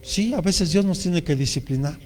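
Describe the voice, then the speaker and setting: A man's voice: on the high side, normal speed, a little mellow, long reverb tail. A man with a Mexican accent preaching a sermon as pastor, speaking earnestly and addressing the congregation directly. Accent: Mexican Spanish.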